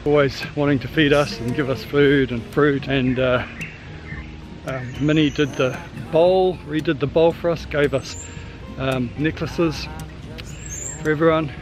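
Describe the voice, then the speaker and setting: Kiwi man, fifties, chatty sailing vlogger on a handheld camera outdoors, slightly high voice, music underneath. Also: steady tone, measured pace, low-quality recording. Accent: New Zealand. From New Zealand. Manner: chatty, upbeat, teasing. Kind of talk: casual vlog narration. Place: outdoors on a tropical island.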